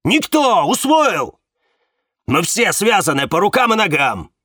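A man reading an audiobook, voicing a hot-tempered man who shouts and swears. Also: sits high, big pitch swings, a little slow, no room sound, studio quality, pitched above the performer's own voice, full character voice. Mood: furious. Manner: shouting, cursing.

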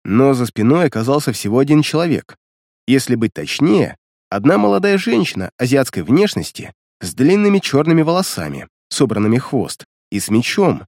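Man narrating an action story, lively. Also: mid-range voice, moderate pace, no echo, clean studio sound. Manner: vivid, dramatic storytelling. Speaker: audiobook narrator. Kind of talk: first-person audiobook narration.

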